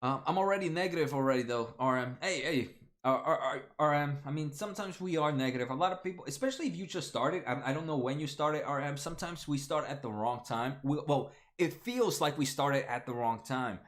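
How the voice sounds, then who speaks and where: A man in his late twenties hosts a casual stock market livestream, chatting through viewer comments and addressing people by name. His fairly high voice moves at a brisk clip, full of fillers and restarts.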